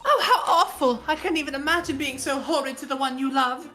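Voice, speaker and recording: A man's voice: very high voice, a little fast, pushed and bright, faint music behind, pitched above the performer's own voice. A man using a voice-changer app to voice a prim, shocked wife in a distant-sounding flashback. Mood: aghast. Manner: shocked, prissy gushing. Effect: distant voice-changer flashback filter.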